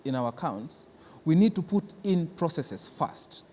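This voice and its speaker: Recorded in a big, reverberant theatre hall with clear background noise and echo, a Kenyan-accented man gives off-the-cuff interview answers as a cultural centre guest. He's earnest and explanatory, repeats words often, and speaks unhurriedly in a fairly high, darkish voice with big pitch swings.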